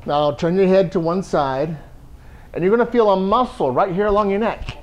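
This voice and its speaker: A man's voice: high-pitched, normal speed. A man teaching a first aid class to a room, conversational and joking as he explains. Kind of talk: classroom lecture.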